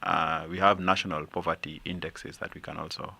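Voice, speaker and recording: Brief: male reporter, very low voice, clear and bright, calm guest. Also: fairly quick. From Kenya. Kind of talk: interview answers.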